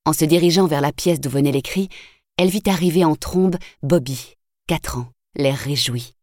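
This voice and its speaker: A woman narrating a novel as an audiobook in a measured, even storytelling voice. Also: low-pitched, no echo, clean studio sound.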